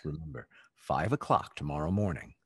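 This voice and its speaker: Dorimant, a man as a husky, low-voiced rake. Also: expressive, moderate pace, a bit bright, exaggerated voice. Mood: teasing, smooth. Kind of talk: theatrical reading of Restoration comedy.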